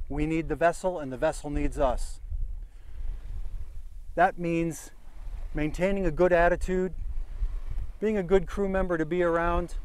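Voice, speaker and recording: A middle-aged man giving sailing safety instruction on the deck of a sailboat at sea, speaking in an earnest, deliberate and emphatic way. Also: on the high side, a little mellow, clear, resonant tone, low-quality recording. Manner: earnest, deliberate, emphatic, demonstrates gear with his hands.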